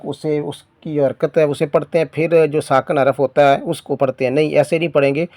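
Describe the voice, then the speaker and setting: A man teaching Quran reading, patiently explaining rules and spelling out letters slowly. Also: on the high side, a little mellow, dry recording. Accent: Pakistani Urdu. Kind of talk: spelling-out lesson, slow drawn-out recitation of letters.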